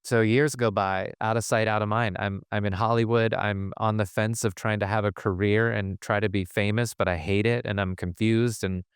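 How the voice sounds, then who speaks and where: A man's voice: lowish voice, fairly even intonation, moderate pace, few pauses, clean tone, dry recording. Guy telling a long personal story, keeps cutting himself off and laughing, clean close voice, no room sound. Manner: rambling, self-interrupting, laughs often. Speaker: spiritual teacher guest.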